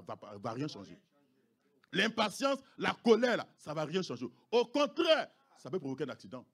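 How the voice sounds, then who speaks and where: Lively high-voiced husky male preacher. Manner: emphatic, repeats phrases, asks the congregation "vous comprenez?". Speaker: pastor. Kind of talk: sermon. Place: church.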